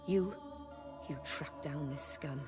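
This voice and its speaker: A woman's voice: deep voice, takes it slowly, music in the background. A woman voicing a cold, commanding aristocratic female vampire in a video game, speaking in a composed, formal way.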